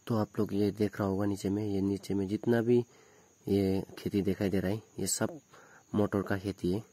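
Here the farm vlogger, a young man, strolls his hillside vegetable plot outdoors with his phone at arm's length, casually naming each thing in turn. He speaks at a moderate pace in a fairly low, steady voice with a dark tone, and the audio carries no echo.

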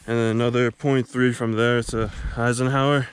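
A man's voice: medium pitch, little pitch movement, normal speed, clean tone. A man narrating his own mountain climb in a hiking vlog, giving short upbeat running comments as he walks. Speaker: hiker filming his climb. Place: outdoors on a dark mountain trail and open summit. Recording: wind noise on camera mic. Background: wind.

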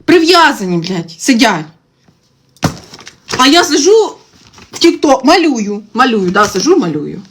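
A woman's voice: very animated, a little slow, pauses often. Swearing, exasperated woman live-streaming. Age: 30s. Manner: swears constantly, exasperated rants with sudden high-pitched outbursts. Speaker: TikTok livestream host. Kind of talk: casual live-stream chat while drawing. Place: indoors at home. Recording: faint background noise and clicks.

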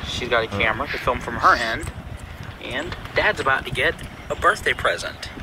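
A man's voice: medium pitch, normal speed. A man casually goading and exclaiming as he films a prank on a handheld home video. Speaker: prankster son filming his father. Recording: noisy handheld home recording.

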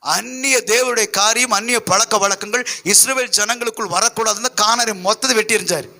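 A man's voice: sits high, fairly quick, gravelly, bright, forceful tone. A man preaching a sermon as pastor, emphatic and full of rhetorical questions to his listeners.

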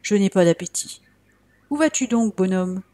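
A woman voicing a big, lazy tiger who yawns and talks in a relaxed drawl. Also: medium pitch, moderate pace, lightly acted.

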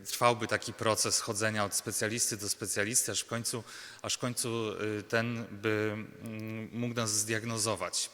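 A male Jesuit preacher delivers a personal sermon with a bright, clear tone. He speaks earnestly, stumbling and restarting, often checking in with the congregation through little rhetorical questions. His voice carries a long reverb from a large church. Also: lowish voice. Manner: earnest, halting, many fillers and restarts.

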